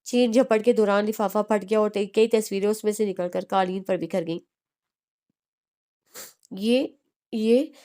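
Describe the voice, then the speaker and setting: Audiobook narrator: woman, steady read of a romance novel, small restarts. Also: medium pitch, a little fast, hardly any pauses, clean tone. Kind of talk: reading a romance novel aloud.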